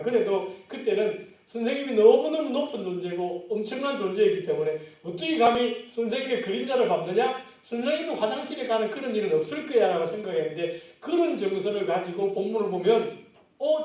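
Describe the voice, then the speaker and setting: A man's voice: sits high, darkish tone. A middle-aged man preaching a sermon as pastor, in a conversational style with questions to the congregation. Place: church sanctuary. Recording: very echoey church, mic far off.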